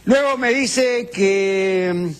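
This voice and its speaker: A man's voice: high voice, very slow, clean tone. An older man, answering viewers' language questions on a TV segment in a strict, pedantic way with many hesitations.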